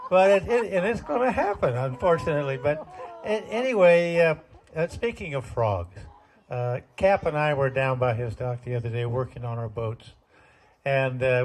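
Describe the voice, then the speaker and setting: An older man telling folksy, self-deprecating jokes as stand-up comedy at a community talent show. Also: fairly high pitch.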